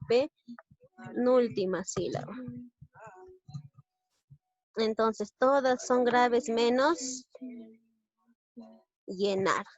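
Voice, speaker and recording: A woman teacher from Peru with a somewhat high voice, reviewing for an exam. She asks her students questions and explains each answer step by step. The recording sounds dull and lo-fi.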